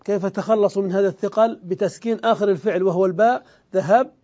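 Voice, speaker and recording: A man with a high, mellow voice gives a grammar lecture. He moves step by step, asks his own questions and answers them, and stretches out each example word. The recording sounds a little muffled. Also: fairly even intonation. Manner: draws out example words slowly. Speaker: Arabic grammar teacher.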